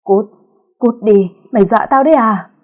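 A woman's voice: on the high side, normal speed, natural voice. A woman voicing a terrified young woman who begs for help in frantic, stammering cries.

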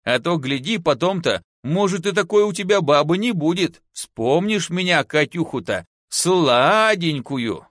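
Hoarse drunk peasant woman, wheedling, giggly, rustic, voiced by a man, high. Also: very animated, moderate pace, hardly any pauses, a bit bright, dry recording, studio quality. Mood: lewd. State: hoarse from drinking.

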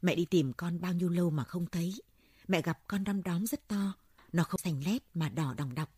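A woman's voice: on the low side, moderate pace, mellow, husky, dry recording. A woman reading the part of a dazed elderly village woman who talks to spirits, in a rambling, dreamlike way. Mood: dazed, tearful.

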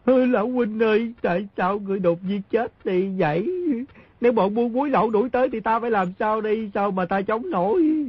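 A crafty young boy, voiced by a woman reading the story, wails and sobs theatrically in fake grief. The voice is husky. The sound is dry and muffled, with a lo-fi edge. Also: mid-range voice, fairly quick, dry recording, lightly acted. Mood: wailing. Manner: wailing, sobbing loudly. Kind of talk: audiobook character reading. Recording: dry, dull lo-fi audio.

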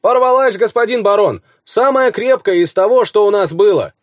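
A man's voice: sits high, moderate pace, dry recording, pitched above the performer's own voice, close to an everyday voice. A dutiful young soldier, as a male narrator puts him on, reporting deferentially to his superior in a raised, eager voice. The sound is close and dry, as in an audiobook reading.

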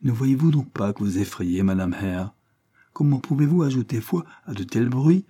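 A man's voice: medium pitch, lively intonation, normal speed, dark tone, voice pushed up, close to an everyday voice. A man voicing a composed, good-humoured male lawyer who speaks with cool courtesy. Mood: calm.

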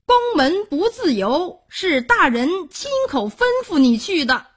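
A woman storyteller voicing a stern male attendant who announces orders in a formal, commanding way, in a husky voice. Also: high voice, big pitch swings, a little slow, pitched above the performer's own voice.

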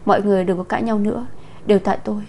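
A woman reading a story aloud, voicing a gentle, flustered kindergarten teacher. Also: mid-range voice, flat delivery, racing, slight background noise, lightly acted. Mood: pleading. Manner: gentle, apologetic.

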